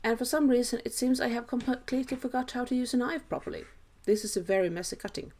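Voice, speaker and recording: A woman's voice: a little high, fairly even intonation, quick pace, a little mellow. A woman with a Swedish accent giving a casual cooking tutorial voice-over with dry, self-deprecating humour. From Sweden. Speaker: home cook, host.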